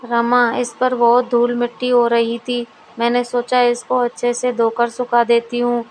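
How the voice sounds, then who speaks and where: Storybook role: a woman as a simple young bride, high voice, flat and slow. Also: a little hiss or hum, close to an everyday voice, low-quality recording. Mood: earnest. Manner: earnest, obedient, takes words literally. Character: naive, literal-minded young daughter-in-law. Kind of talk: storybook dialogue reading.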